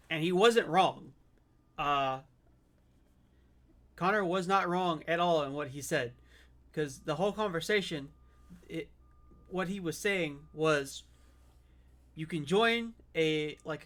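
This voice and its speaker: A man giving casual, off-the-cuff reaction commentary as a streamer, halting and repeating himself for emphasis. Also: on the high side, a bit bright.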